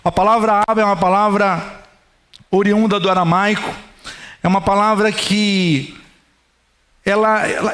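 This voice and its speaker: A man's voice: high-pitched, fairly bright tone. A man, preaching a sermon in a conversational way and speaking straight to his congregation. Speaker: pastor.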